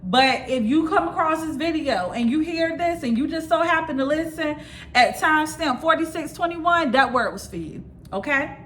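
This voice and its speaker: A woman's voice: high-pitched, expressive, moderate pace, fairly bright tone, slight background noise. A woman preaching an informal sermon straight to her listeners. She speaks emphatically, repeats her key lines and drops in casual asides.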